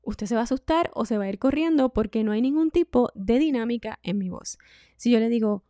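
A woman vocal coach, giving a singing lesson in a clear, instructive way. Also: on the high side, expressive, brisk, no echo, clean studio sound. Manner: clear instructive delivery, demonstrates loud and whispered speech.

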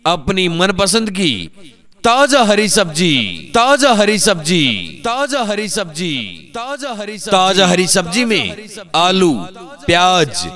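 A man making a recorded sales announcement in the melodic, drawn-out call of a street vegetable vendor, repeating phrases and listing items one by one. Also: high voice, sharp tone.

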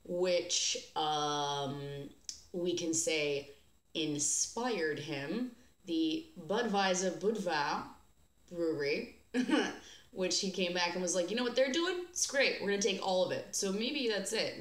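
A woman's voice: lowish voice, roomy sound. An American woman hosting a beer vlog, chatting casually and sarcastically, with lots of fillers and restarts. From United States. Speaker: beer vlogger host.

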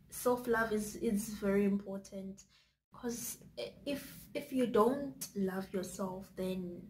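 A woman's voice: medium pitch, a little mellow, poor audio. Chatty woman vlogger with faint background noise. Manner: chatty, rambling, many fillers and restarts. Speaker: YouTube vlogger. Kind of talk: casual to-camera chat.

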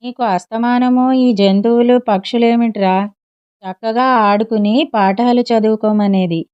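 A woman voicing a busy mother who scolds her son briskly, in a slightly muffled recording. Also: a little high, steady tone, a little mellow, smooth, natural voice. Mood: scolding.

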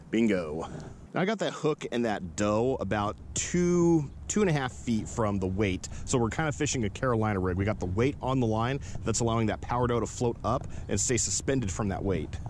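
A man with a fairly low voice talks through his fishing setup in a relaxed, teaching way. He is outdoors by a lake, recorded on a head-mounted action camera. Steady outdoor noise sits clearly behind his voice. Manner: relaxed, instructive, talking to camera while working. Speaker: fishing vlogger. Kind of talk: casual how-to narration. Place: outdoors at a sunny lakeshore.

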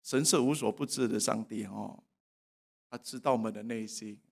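A man preaching a sermon in a church service. He tells a personal testimony and asks the congregation questions, swinging between soft and loud. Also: fairly low pitch, moderate pace, vocal fry.

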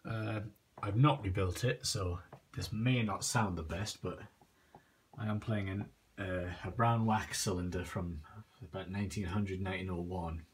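This man has a deep voice and a measured pace, and he collects antique phonographs. Speaking informally and without fuss, he shows off his items in a small home room. The clip comes from a handheld phone or camera with him off screen, so it's noisy and full of clicks.

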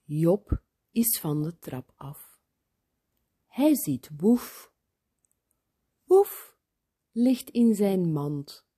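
A woman reading a children's story aloud, very expressive, sometimes dropping to a whisper. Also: on the low side, breathy edge. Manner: very slow, expressive, drops to whispers.

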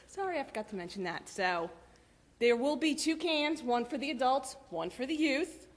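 A woman giving lively, chatty announcements to a church congregation, laughing often. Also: high-pitched, normal speed. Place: church sanctuary. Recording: long church reverb.

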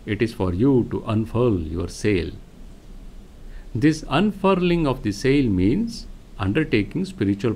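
A man of mid-range pitch delivers a spiritual lecture as a monk. His delivery is slow and serene, with deliberate pauses between phrases. The intonation rises and falls widely as he instructs. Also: a little mellow. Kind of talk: religious discourse, reading from spiritual teachings.

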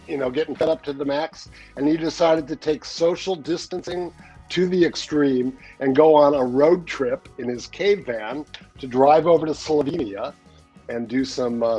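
A man's voice: a little high, dark tone, highs cut off. Older man, video call from home, rambling casual talk, lots of uh fillers, faint music behind. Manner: rambling, full of "uh" fillers, laughs easily. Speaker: newsletter editor, regular guest. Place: home study with bookshelves. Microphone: webcam on a video call.

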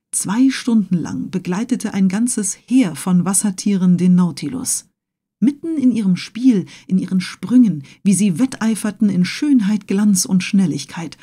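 A woman reading a classic adventure novel aloud as scripted narration, in a calm, even storytelling manner. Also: mid-range voice, slightly rough. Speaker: audiobook reader.

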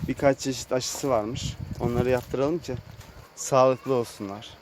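Slow-talking man outdoors by a sheep pen. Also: fairly even intonation, background noise. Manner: slow, unhurried, with sing-song high calls to the animals. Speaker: vlogger moving to the countryside. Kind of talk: casual vlog talk while tending sheep.

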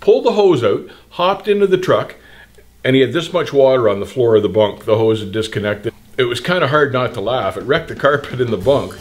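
With an animated, brisk, mid-range voice, the older man behind the trucking channel lectures the camera from a small indoor studio. He gestures broadly as he delivers blunt, plain-spoken, indignant advice.

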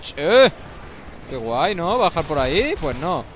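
Excitable, foul-mouthed Spanish gamer, higher voice. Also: male voice, a little slow, slight background noise. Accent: Spain Spanish. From Spain. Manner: excitable, swears a lot, taunts enemies. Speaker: gameplay commentator. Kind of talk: let's play commentary. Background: faint game music and gunfire.

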